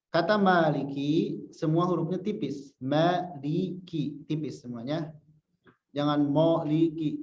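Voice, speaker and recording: A male religious teacher giving a Quran recitation lesson, patiently repeating syllables to show correct pronunciation. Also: fairly high pitch. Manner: chants example verses slowly. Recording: echoey room, dull lo-fi sound.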